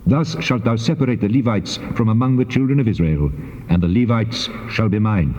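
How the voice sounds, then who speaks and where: A man playing the Lord God in a dramatized scripture reading, giving measured, solemn commands. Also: mid-range voice, warm tone, natural voice. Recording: reverberant hall effect, dull old cassette.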